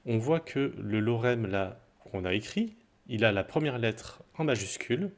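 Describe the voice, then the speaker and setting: A man explaining a coding tutorial in a relaxed, chatty way, with small asides and self-corrections. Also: medium pitch, normal speed. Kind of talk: screen-recorded coding tutorial.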